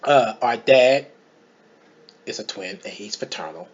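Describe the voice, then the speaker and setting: A man co-hosting a casual chat, telling family stories with emphatic, animated delivery. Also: mid-range voice, measured pace, a little hiss or hum. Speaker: co-host. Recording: dull lo-fi recording.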